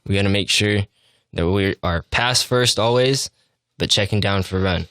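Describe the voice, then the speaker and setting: A young man answers casually as a football player in a sports interview. His voice is fairly low, recorded close and dry. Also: normal speed, a bit bright, clear, resonant tone, no echo.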